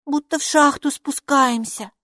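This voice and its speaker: Mikey, a woman putting on a piping, excited little girl. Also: measured pace, dry recording, clean studio sound. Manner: high, loud exclamations. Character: eager six-year-old girl, excited and stubborn.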